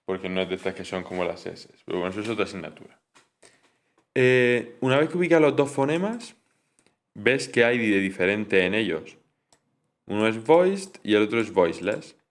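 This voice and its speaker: A man's voice: lowish voice, lively intonation, moderate pace. Hesitant young man explaining linguistics. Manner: hesitant, frequent fillers and restarts, mixes English terms. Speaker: student explaining coursework. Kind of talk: informal study explanation.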